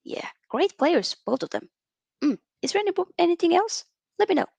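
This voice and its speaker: A woman's voice: very high voice, big pitch swings, normal speed, creaky, a little mellow, no room sound. A young woman from Norway hosting a casual football livestream, chatting with viewers and reading out their comments. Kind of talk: casual live-stream chat with viewers.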